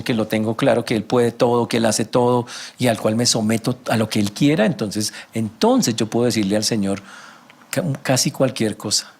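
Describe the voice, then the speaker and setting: A man preaching a sermon as a pastor, animated, asking rhetorical questions and acting out everyday conversations. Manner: rhetorical questions, rising to emphatic pitch.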